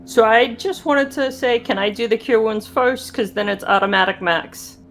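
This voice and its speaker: A woman's voice: fairly high pitch, normal speed, fairly bright tone. A woman chatting casually as a player in a tabletop game.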